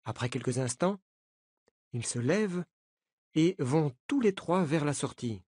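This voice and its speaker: A narrator reading a novel aloud in a slow, clear, learner-paced way. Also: mid-range voice, expressive, a little mellow, no room sound, studio quality. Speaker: audiobook narrator. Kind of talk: scripted narration of a graded-reader novel.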